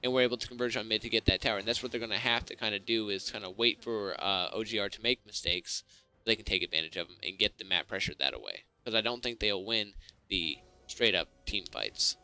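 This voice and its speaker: Young dude co-casting esports, chill and teasing, lil music in the back. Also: male voice, on the low side, fast talker, pushed and bright, clear, resonant tone. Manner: casual, laid-back, teasing. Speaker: esports co-caster. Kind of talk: live color commentary.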